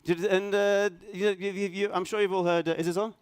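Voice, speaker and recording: A middle-aged man, raised in Norway, speaking at a conference, halting and self-deprecating, full of restarts and fillers. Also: sits high, flat delivery, clear, resonant tone, no room sound. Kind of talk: hesitant conference talk. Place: conference hall stage.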